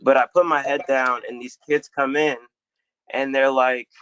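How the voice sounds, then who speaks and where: A man's voice: medium pitch, level tone, normal speed, fairly bright tone, smooth. A young man from Florida telling a personal story on a community panel in a reflective, casual way with some slang. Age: young adult. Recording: dull lo-fi dry recording.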